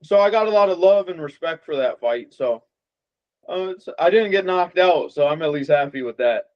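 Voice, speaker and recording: A young man who boxes and comes from Las Vegas, USA, sounds a little high and talks at a moderate clip. As a guest in a laid-back interview, he rambles loosely with many fillers, recorded in dull, lo-fi quality.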